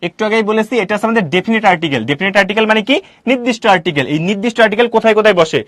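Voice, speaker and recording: A male teacher giving a classroom grammar lecture, quizzing students with quick questions and answering them himself. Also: sits high, lively intonation, a bit bright, dry recording, studio quality.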